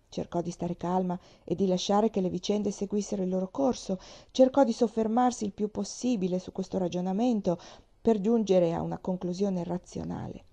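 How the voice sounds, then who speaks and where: A woman reads a classic novel aloud at a steady, measured pace. Her voice is very dark and mellow, with a gravelly grain running through it. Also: medium pitch. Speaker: audiobook reader.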